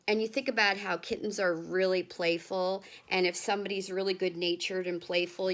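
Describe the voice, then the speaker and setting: A woman teacher explaining similes and reading a children's story aloud, gentle and patient. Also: medium pitch. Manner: gentle, explanatory, slow with pauses. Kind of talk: read-aloud lesson for children.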